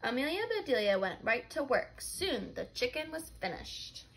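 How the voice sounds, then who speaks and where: Casting: female teacher for picture-book narration, high pitch, very lively intonation, expressive and instructive. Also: normal speed, background noise. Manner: expressive, instructive, asks and confirms answers. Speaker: teacher reading aloud. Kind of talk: animated storybook read-aloud with questions to pupils.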